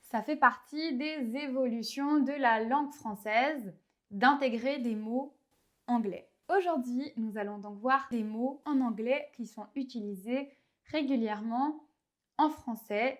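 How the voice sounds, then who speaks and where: A woman from France with a French accent, teaching a language lesson in a clear, didactic way and slowing down to spell out pronunciations. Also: fairly high pitch.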